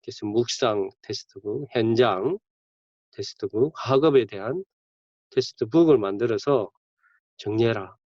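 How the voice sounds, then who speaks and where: A man's voice: medium pitch, moderate pace, a little mellow, no room sound. A male campus ministry pastor, preaching conversationally with sudden bursts of emphasis. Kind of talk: sermon. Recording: dull dry lo-fi recording.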